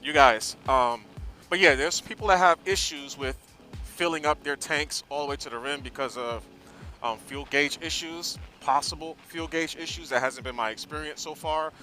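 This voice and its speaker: A man's voice: on the high side, normal speed, sharp tone, soft background music. An American man chatting casually from inside his motorcycle helmet as he rides, rambling and correcting himself in an easygoing way. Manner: talking from inside a motorcycle helmet while riding. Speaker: motorcycle vlogger. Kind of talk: casual rambling ride-along chat.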